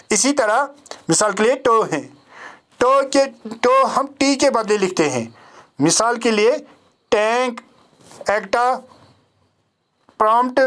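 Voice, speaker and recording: A man with a rather high voice gives a recorded online lecture on English phonetics. He talks his students through each rule patiently, checks that they are following, and repeats the key points to drive them home. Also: fairly bright tone. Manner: explains patiently, checking understanding.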